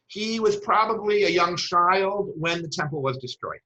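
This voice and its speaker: Bright-voiced woman lecturing on a dull recording. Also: lowish voice, expressive, normal speed. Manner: storytelling, retells quoted dialogue; mixes Hebrew terms into English.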